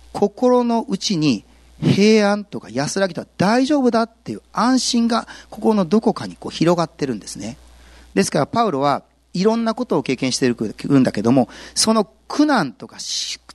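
A male pastor giving a sermon, telling the story with lively, acted-out quotes. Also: fairly high pitch, dry recording. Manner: animated storytelling, acts out quotes.

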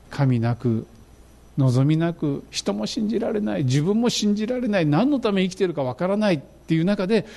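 A middle-aged man preaching a sermon, animated and fervent, describing travel photos to his congregation. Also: mid-range voice. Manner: animated, rising to fervent emphasis. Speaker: pastor.

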